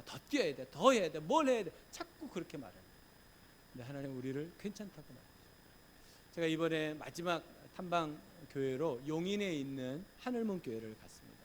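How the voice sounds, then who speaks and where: A middle-aged man preaching a Sunday sermon from a church pulpit, his pitch leaping up and dropping low as he moves from loud urging to hushed, gentle reassurance. His voice sits a bit high for a man. A faint room hum lies behind him. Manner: lively preaching, swinging from loud urging to soft murmured reassurance; acts out gentle quoted lines in a hushed voice. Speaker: pastor. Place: church sanctuary.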